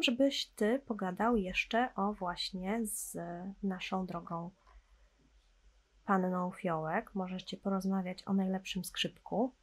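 A young woman casually commenting on a life-simulation game, chatting with viewers and talking to her characters. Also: medium pitch. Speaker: gameplay commentator. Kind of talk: casual let's-play commentary.

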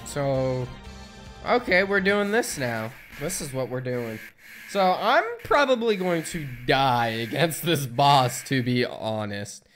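Slow, chatty male gamer commentating. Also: medium pitch, animated, a bit bright, soft background music. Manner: chatty and self-deprecating, muttering at the game. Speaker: let's play gamer. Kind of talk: casual gameplay commentary.

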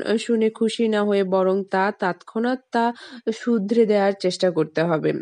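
Woman host, mid pitch, dry close voice-over, steady instructive delivery of parenting tips. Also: dry recording.

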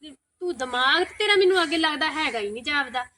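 A woman's voice: high voice, animated, fast talker, bright, forceful tone, slight background noise. A woman with a Punjabi accent acting in a village short film, lecturing and reasoning with a friend in a scolding way.

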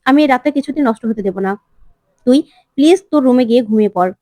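A woman's voice: high voice, expressive, very fast, mellow, no echo. A woman reading a firm young husband. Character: young man, a new husband, stubborn and protective.

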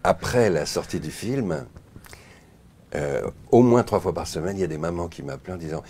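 Very deep husky-voiced man telling stories. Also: normal speed. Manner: lively storyteller, acts out voices. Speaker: voice actor and singer, guest. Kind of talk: interview, anecdote telling.

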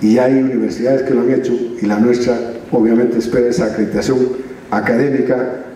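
A man's voice: mid-range voice, fairly even intonation, warm tone, a little hiss or hum. Middle-aged man in an echoey hall. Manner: measured, reading from notes, slowing for emphasis. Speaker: university rector. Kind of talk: formal ceremonial speech. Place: large ceremonial hall. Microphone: podium microphone, then handheld. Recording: echoey hall picked up from a distance.

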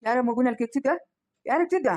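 A woman's voice: high-pitched, very fast, lightly acted. A woman playing a stern village elder who scolds the household, in a rural Chikkaballapur Kannada accent. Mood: scolding. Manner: sharp, scolding. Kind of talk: village family skit.

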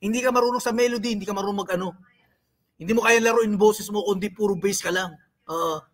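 Speaking fast in a high voice, a man hosting a livestream rants through his commentary, scolding and making fun of the people he brings up.

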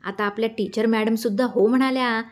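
A woman's voice: a little high, fairly even intonation, fairly quick, natural voice. A woman voicing an affectionate older husband who teases his wife in a playful, loving manner.

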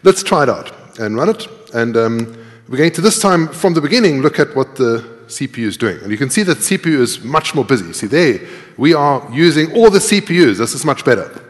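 Echo from a large indoor tiered auditorium colors this live coding talk by a middle-aged conference speaker and programming instructor. Talking a little fast in a sing-song voice of medium pitch, he explains each step casually and asks his audience questions.

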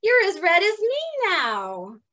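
A woman voicing a helpful, know-it-all female ladybug in a picture book, talking loud and excited. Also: very high voice, slow pace, pitched above the performer's own voice, full character voice. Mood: chatty.

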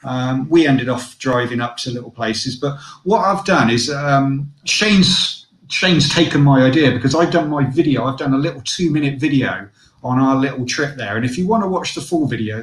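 A man's voice: mid-range voice, moderate pace, reverberant. A man reviewing a caravan site in a casual online show, chatty, with lots of fillers and restarts.

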